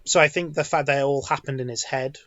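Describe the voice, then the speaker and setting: A man's voice: mid-range voice, fairly even intonation, quick pace, a bit bright, dry recording, dull audio. A man co-hosting a podcast in casual chat, rambling and restarting his sentences often. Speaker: podcast co-host.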